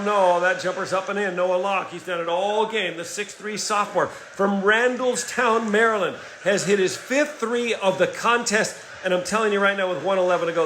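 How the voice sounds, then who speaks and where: A middle-aged man calling a basketball game play by play, energetic and rising in excitement on big plays. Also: high voice, a little hiss or hum. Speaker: play-by-play commentator. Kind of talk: play-by-play sports commentary. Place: home setup, voice-over for a replayed game.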